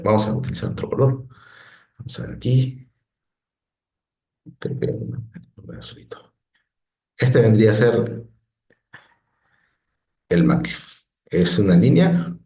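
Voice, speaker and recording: Low, mellow-voiced male teacher. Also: gravelly, roomy sound. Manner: patient, explanatory, frequent "¿no?" checks and restarts. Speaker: Biblical Hebrew teacher. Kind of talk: online lesson explaining on a screen.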